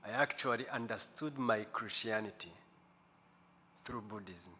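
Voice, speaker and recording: A man in his fifties giving a deliberate, slow testimony talk as guest speaker at a church service, pausing often. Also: fairly low pitch, pushed and bright. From Rwanda. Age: 50s. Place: large church sanctuary. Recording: echoey church hall, faint room noise.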